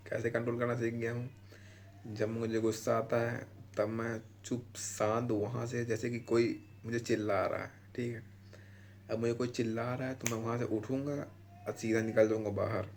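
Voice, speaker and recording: A man's voice: medium pitch, darkish tone, slight background noise. A young man giving casual, rambling advice in a vlog, often breaking off and restarting mid-word. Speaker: vlogger.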